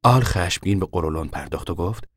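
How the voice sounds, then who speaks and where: Deep, husky male narrator. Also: no echo, studio quality. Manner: measured, steady storytelling. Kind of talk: scripted narration of a radio drama.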